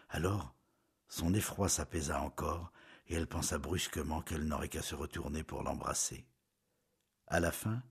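A man reading a novel aloud in scripted narration, measured and intimate, often dropping to a hush. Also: low-pitched, slightly rough.

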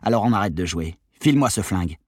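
A man's voice: low voice, expressive, fast, a little mellow, no room sound, studio quality. A man voicing a cool, mocking male fugitive who talks down to two teenagers. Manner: sneering, condescending. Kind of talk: audiobook character voice.

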